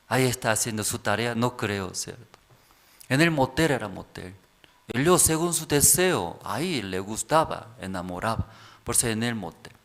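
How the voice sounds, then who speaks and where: A man pastor preaching a sermon in halting, simple phrases, often checking with the congregation through rhetorical questions. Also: medium pitch.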